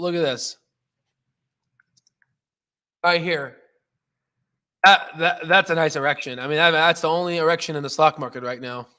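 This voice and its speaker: With a voice that's a little high, this man runs a live stock trading stream, talking casually and emphatically, excitable and jokey as he comments and answers his chat.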